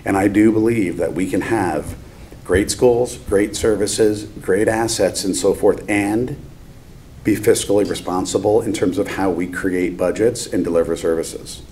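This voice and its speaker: A man's voice: on the low side, measured pace, warm tone. A man giving explanatory remarks as a finance board member at a meeting, often qualifying his points. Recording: faint background noise.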